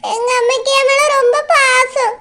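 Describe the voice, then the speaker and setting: An actress playing a timid young village bride who is eloping at night, fearful and tearful. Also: female voice, extremely high pitch, little pitch movement, moderate pace, pushed and bright. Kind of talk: village comedy drama acting.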